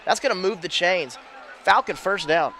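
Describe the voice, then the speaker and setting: A man calling high school football play-by-play from a press box, quick and excitable with chatty asides. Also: a little hiss or hum. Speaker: play-by-play announcer. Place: press box above a stadium.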